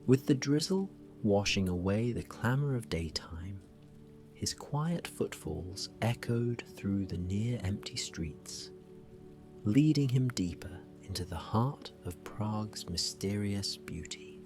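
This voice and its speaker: A man with a fairly low voice narrates a sleep story for grown-ups. His delivery is very slow, gentle and hushed. Soft music and rain play quietly behind him. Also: expressive.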